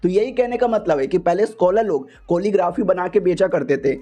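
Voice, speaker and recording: A man's voice: high voice, fairly quick, dark tone. A man narrating a comic story in a chatty, slangy way, speaking to his viewers. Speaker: story explainer.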